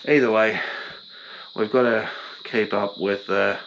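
A man's voice: on the low side, fairly even intonation, a little slow, creaky, fairly bright tone, dull audio, slight background noise. A young man talking casually in a vlog, sick and short of breath, rambling and laid-back. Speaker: vlogger.

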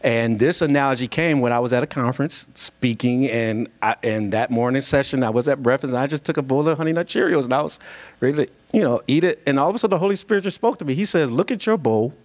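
A young man talks fast in a medium-pitched voice, recorded dry, at a singles conference in a church sanctuary. Standing at the pulpit with a handheld microphone, he delivers an animated, joke-filled, sermon-like story for the crowd.

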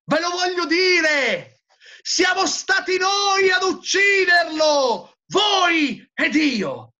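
A man's voice: very high voice, expressive, takes it slowly, pushed and bright, pitched above the performer's own voice, full character voice. A male teacher reading aloud as a frantic madman who cries out in anguished declamation, on a dull lo-fi recording. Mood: anguished shouting. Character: frantic male madman crying out that God is dead.

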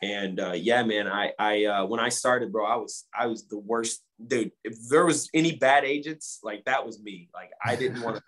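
A man's voice: on the low side, normal speed, hardly any pauses, a bit bright. Young guy in his 20s, chill and slangy, keeps saying dude and man, easygoing storytelling. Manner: laid-back, slangy, says dude and man often. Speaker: guest. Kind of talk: casual interview storytelling.

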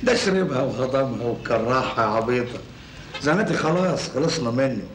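An actor with an Egyptian Arabic accent playing a scheming, boastful crook who talks in a cocky way in an old film. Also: male voice, mid-range voice, expressive, brisk, close to an everyday voice. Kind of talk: 1980s Egyptian film acting. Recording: echoey old film soundtrack with noise.

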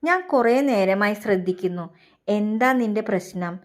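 A woman's voice: mid-range voice, moderate pace, natural voice. Kind elderly lady, motherly and caring, voiced by a woman reader. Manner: gentle, caring questions.

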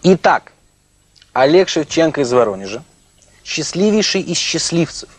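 Husky-voiced man hosting playfully. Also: on the high side, big pitch swings, normal speed, no room sound. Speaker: TV show host. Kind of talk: playful TV presenting and interviewing. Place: small TV studio.

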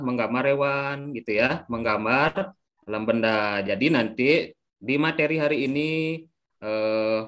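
A young man with an Indonesian accent leads a class as its teacher, upbeat and coaxing. His pitch sits in an ordinary middle range, and he keeps asking the pupils whether they follow. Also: a bit bright. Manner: upbeat, coaxing, checks with "ya" often.

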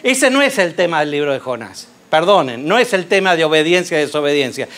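A man preaching a sermon, telling a Bible story with rhetorical questions and lively storytelling. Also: on the high side, brisk.

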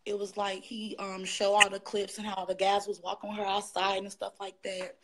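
A woman in her twenties from Chicago's South Side, calling in from work and talking quietly with many ums. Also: medium pitch, monotone, normal speed, very noisy. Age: 20s. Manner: hesitant, filler-heavy, kept quiet. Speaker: caller. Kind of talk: casual call-in opinion.

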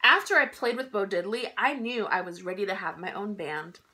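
A woman in her thirties reading a children's picture book aloud in an expressive, emphatic storytelling style. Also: mid-range voice, moderate pace. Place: small indoor room at home.

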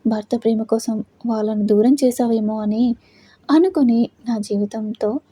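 A woman's voice: fairly high pitch, fairly even intonation, unhurried, mellow, husky, no room sound. A woman voicing a heartbroken young woman who talks bitterly while laughing through her tears, in a storybook reading.

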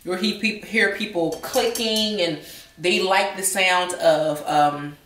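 A young woman vlogger with a fairly low yet slightly bright voice speaks slowly while casually chatting over a meal at home, occasionally with her mouth full. The audio, recorded indoors, is roomy and distant.

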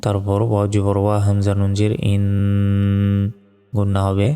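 A man's voice: on the low side, completely flat delivery, normal speed, dark tone, smooth, big-room sound, soft background music. A man with a Bangladeshi accent teaching Quran reading, patiently spelling out each letter and vowel mark. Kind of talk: spelled-out recitation lesson.

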